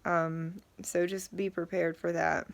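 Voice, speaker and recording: Casting: middle-aged female vlogger, low creaky voice, subdued, throat sore after tonsil surgery, casual advice. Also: little pitch movement, slow. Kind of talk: casual talk to camera about recovery.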